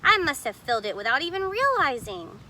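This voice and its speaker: A woman voicing a kindly, forgetful, excitable grandmother in a storybook, exclaiming and wondering aloud dramatically. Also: sits high, a little fast, a little hiss or hum, pitched above the performer's own voice, full character voice. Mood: delighted.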